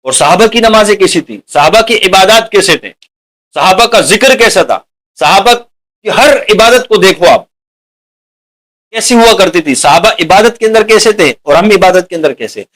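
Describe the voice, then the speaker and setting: A man with a high-pitched voice delivers a sermon. He keeps putting rhetorical questions to his listeners and calls them dear companions. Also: lively intonation, fairly bright tone, low-quality recording. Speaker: preacher.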